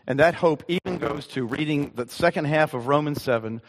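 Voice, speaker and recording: A man's voice: on the high side, fairly quick. An older man, a pastor, preaching an earnest, conversational sermon and reading scripture with emphasis. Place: church sanctuary. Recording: long reverb of a church hall.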